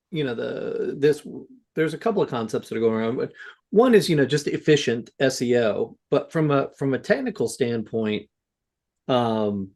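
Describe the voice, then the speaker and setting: A man in a casual panel discussion talks his way through his points. He rambles with plenty of fillers and drops in an occasional curse. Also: medium pitch. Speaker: SEO panelist.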